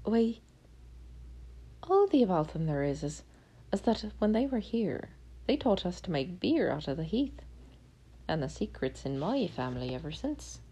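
A woman voicing a crafty little male leprechaun who talks in sly, quick, high-pitched banter. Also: very animated, dark tone, husky, heavily acted. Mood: scolding.

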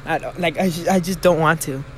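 A teenage guy with a fairly high voice, co-hosting a podcast from his bedroom. He rambles, swears freely and makes fun of himself. Faint hiss sits under his voice. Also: brisk. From Florida, USA. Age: teens. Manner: rambling, swears a lot, self-mocking. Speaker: podcast co-host. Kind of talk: casual chat. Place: home bedroom.

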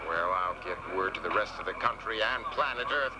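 A man's voice: on the low side, a little fast, lightly acted. An actor playing a pompous, melodramatic TV newsman in a cartoon, making grandiose, solemn proclamations. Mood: dramatic. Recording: loud city noise behind.

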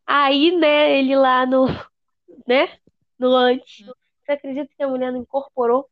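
A young woman, telling embarrassing stories in animated casual chat and acting out the quotes. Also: high voice, a little slow, dry recording. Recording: dull lo-fi dry sound.

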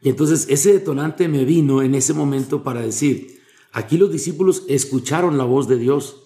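A man's voice: mid-range voice, normal speed, warm tone. A man, a preacher, being interviewed, explaining sermon craft with Bible quotes and everyday examples. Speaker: guest preacher. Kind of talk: conversational interview about preaching.

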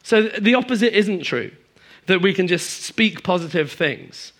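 A man delivers a sermon to a congregation, his voice fairly high for a man. He swings from loud, emphatic stretches down to quiet, low asides. He speaks with conversational warmth rather than formal oratory. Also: animated, a little slow. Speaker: preacher. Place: church hall in front of a congregation.

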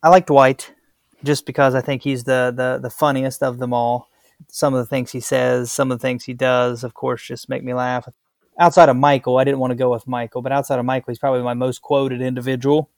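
A man's voice: medium pitch, level tone, a little fast, dry recording, clean studio sound. A young adult man in casual podcast conversation, recorded inside a closet.

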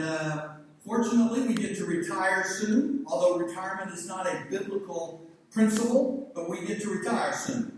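A man in his sixties from the Southern United States, with a Southern accent, preaches a folksy, joking, rambling sermon in a church hall. His voice is high, and an echoey hall mic picks him up from far off with slight background noise.

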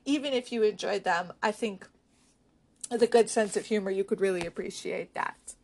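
A woman vlogger chatting casually about books she has read, pausing often with ums and restarting her thoughts. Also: mid-range voice, a little mellow, a little hiss or hum. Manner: hesitant, with frequent ums and restarts. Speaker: book vlogger. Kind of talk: casual book chat.

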